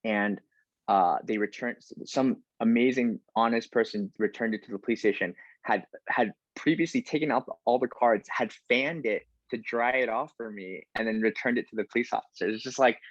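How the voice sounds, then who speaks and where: On a lo-fi, echo-free recording, a US man in his thirties speaks at normal speed and medium pitch. He's a chatty podcast guest in a casual interview, stumbling through fillers and restarts.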